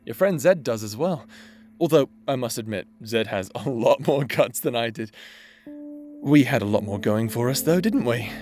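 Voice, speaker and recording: His natural, mid-range voice moves at a normal speed with lively intonation as he voices a regretful necromancer husband haunting his partner's memory. The roleplay audio drama has soft background music and a wistful mood, and he speaks tenderly, teasingly, and softly.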